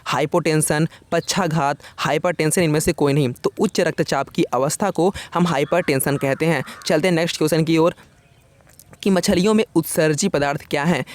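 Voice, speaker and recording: A male coaching teacher running a fast exam-prep quiz. He reads each question and its options in a quick list, then gives the answer in a casual, friendly way. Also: fairly high pitch. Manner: quick, casual, keeps saying "yaar" to the viewer. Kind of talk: rapid-fire quiz revision lesson.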